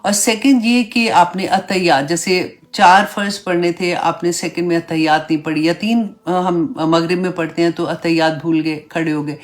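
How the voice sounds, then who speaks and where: A woman's voice: lowish voice, steady tone, few pauses. A woman teaching an online Islamic class in a conversational way. She often drops English words into her Urdu and checks in with her listeners. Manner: checks in with listeners, "right?", "hai na?". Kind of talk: online religious class lecture.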